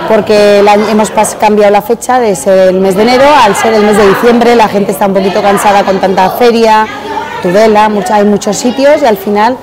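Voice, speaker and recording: A woman in her forties speaks at an ordinary pitch, pausing often with "eh" as she reflects on an event she organized. Clear chatter from a crowd fills the hotel hall around her. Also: steady tone. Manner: hesitant, many fillers. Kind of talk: on-camera interview. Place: busy hotel function hall at an expo.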